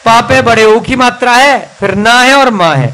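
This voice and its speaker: A man teaching children to write a script in a classroom, coaxing and praising them and spelling out each stroke slowly. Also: very high voice, bright, forceful tone, low-quality recording.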